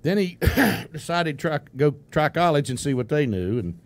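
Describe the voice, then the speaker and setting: A man's voice: on the high side, big pitch swings, moderate pace. Jovial man hosting a morning radio show. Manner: jovial, chuckling, loose ad-libbed introductions. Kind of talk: casual live radio banter. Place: radio studio. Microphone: studio microphone with headphones.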